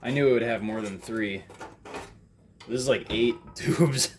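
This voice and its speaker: There's background noise as a man with a mid-range voice talks in an unhurried way. He's an electronics repair vlog host, rambling casually and self-deprecatingly through unscripted, hands-on commentary in his basement workspace.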